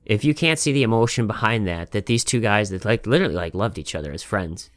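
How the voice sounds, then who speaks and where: Swearing man with a smooth, low voice. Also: expressive, fast talker, no echo. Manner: profane, emphatic, rambling. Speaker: podcast host. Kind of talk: casual chat.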